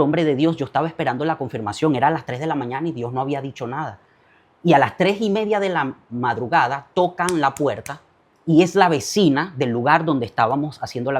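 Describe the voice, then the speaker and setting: A man's voice: a little high, breathy edge. A man who is a pastor, telling a story as a testimony in a fervent, preacher-like way.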